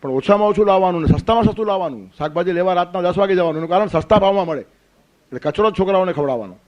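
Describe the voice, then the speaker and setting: Male spiritual teacher, lecturing firmly and scolding, with a slightly high pitch. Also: animated, very fast, dull audio. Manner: forceful, scolding, rhetorical questions. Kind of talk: Gita discourse.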